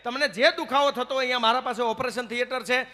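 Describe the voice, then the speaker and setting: A man playing a puzzled male doctor in a stage joke, speaking pitched up and coaxing. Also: fairly even intonation, fast, pushed and bright. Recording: echoey hall with instruments behind.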